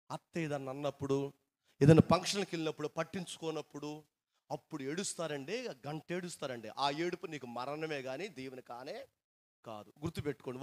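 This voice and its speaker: A middle-aged male pastor preaching a sermon, swinging from soft asides to loud dramatic cries. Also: fairly high pitch.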